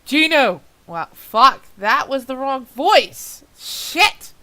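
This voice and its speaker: A woman's voice: high-pitched, very animated, very slow, pushed and bright. A woman reading a fan story aloud who keeps stumbling, swearing and laughing at her own mistakes in a self-mocking, exasperated way. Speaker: reader of a fan-fiction audio drama. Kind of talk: blooper reel while reading aloud.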